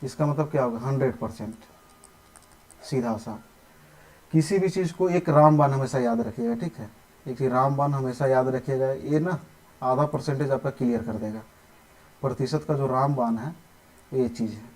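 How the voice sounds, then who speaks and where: A man's voice: mid-range voice, moderate pace, pauses often, darkish tone, poor audio. A young adult man teaching basic percentages in a live online maths lesson, explaining patiently, repeating each step and checking in with his students often. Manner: patient, repeats steps, says "ठीक है" often.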